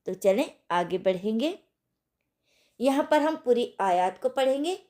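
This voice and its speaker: A woman's voice: on the high side, lively intonation, a little slow, mellow. A woman teaching an online recitation lesson, patiently explaining and drilling syllables one at a time.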